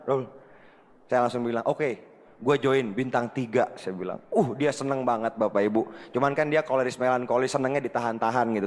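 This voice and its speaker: Animated man speaking in a reverberant hall. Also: mid-range voice, a little hiss or hum. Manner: animated, addresses the audience again and again, acts out quoted dialogue. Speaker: seminar speaker. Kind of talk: motivational storytelling talk to an audience. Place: seminar hall with audience.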